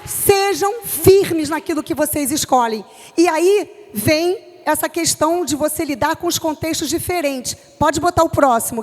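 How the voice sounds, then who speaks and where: A middle-aged woman from Brazil with a Rio de Janeiro accent, preaching to a youth group with forceful, emphatic delivery. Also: high voice, in a large hall. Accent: Rio de Janeiro Portuguese. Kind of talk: youth church sermon.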